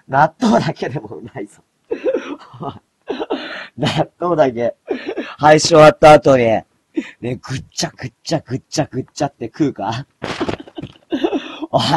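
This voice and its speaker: A man in his thirties chatting casually on a late-night live stream, mumbling low and then breaking into loud, rough outbursts. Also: normal speed, a little hiss or hum. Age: 30s. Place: dim room at home.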